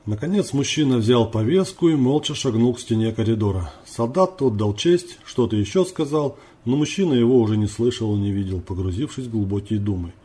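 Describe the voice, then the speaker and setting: A man narrating a story aloud, voicing the dialogue with raised pitch. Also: expressive, fairly quick, hardly any pauses, mellow, husky. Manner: reads dialogue with lifted pitch for characters. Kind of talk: audiobook reading of a story.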